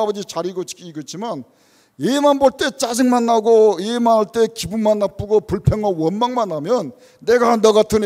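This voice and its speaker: A man's voice: high-pitched, a little mellow, long reverb tail. A man, a church elder, preaching a sermon, earnest and full of rhetorical questions, now and then acting out a parent's words. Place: church sanctuary.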